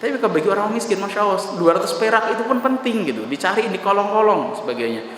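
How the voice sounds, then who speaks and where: A male preacher giving a conversational sermon, telling stories lively with casual slang asides. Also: high-pitched, fast talker, slight background noise. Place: mosque hall. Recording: echoey mosque hall with faint ambience.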